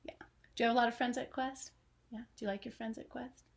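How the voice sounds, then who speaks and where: A story time host reads a picture book to young children, her storytelling dramatic, expressive and singsong. Her voice is on the high side with little pitch movement, and her pace is quick.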